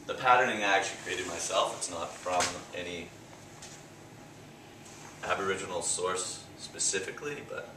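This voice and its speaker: A young man with a low, unhurried voice talks loosely about his art, pausing on fillers and restarting phrases. He is recorded on a camera close by inside an echoey gallery, with a faint hum of ambience behind. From Canada. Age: young adult. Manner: relaxed, rambling, with fillers and restarts. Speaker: painter interviewed at his exhibit. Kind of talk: casual interview answers. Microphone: handheld camera close by.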